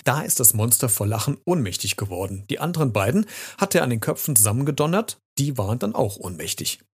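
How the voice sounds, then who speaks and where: A man voicing a kindly, crafty professor in a storybook reading, telling tales in a gentle, playful way with a husky voice. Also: mid-range voice, sing-song, quick pace.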